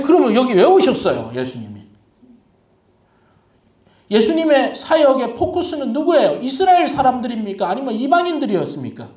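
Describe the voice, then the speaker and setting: Man, pastor, lively sermon, joking rhetorical questions, animated pitch, roomy church echo. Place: church sanctuary. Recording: echoey church hall from a distant mic.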